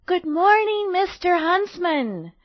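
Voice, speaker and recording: A woman voicing a kind, sweet little girl in a storybook reading, with a bright sing-song lilt. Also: high voice, very animated, measured pace, pitched above the performer's own voice. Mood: cheerful.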